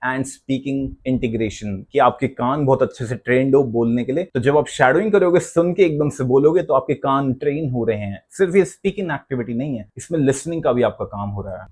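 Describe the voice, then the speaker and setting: A man with an Indian accent, teaching English in a mix of Hindi and English, animated and acting out example lines. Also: medium pitch, husky. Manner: animated, acts out flat and lively example lines. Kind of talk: Hindi-English lesson talk.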